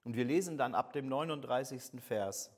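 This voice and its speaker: A middle-aged man preaching a sermon at an easy, conversational pitch. He talks straight to his listeners and asks them questions, and now and then he slips into the voices of imagined people. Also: normal speed, husky.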